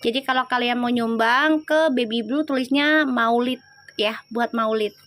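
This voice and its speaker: A woman's voice: a little high, a little slow, fairly bright tone. A woman reading tarot on a livestream, chatting in slang and teasing her viewers. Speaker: tarot reader.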